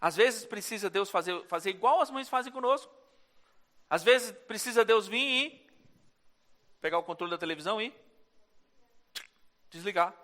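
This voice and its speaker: A man's voice: high-pitched, expressive, normal speed, pauses often, pushed and bright. A male pastor with a Brazilian Portuguese accent preaching a sermon in a church, acting out short dialogues as he goes. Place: church sanctuary. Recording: church hall reverb.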